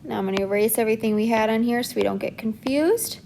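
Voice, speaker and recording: A woman's voice: a little high, quick pace, creaky, dark tone, slight background noise. A woman teacher working through a math problem in a recorded lesson, explaining each step steadily as she writes.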